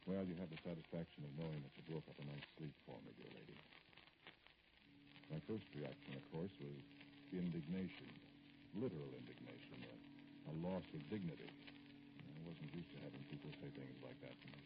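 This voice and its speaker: In a noisy, dull vintage radio recording, an actor plays a dignified, brooding middle-aged politician who is aggrieved and addressing a caller. His very deep, gravelly male voice sounds wounded and indignant. He speaks formally, hesitantly and pointedly, with pauses.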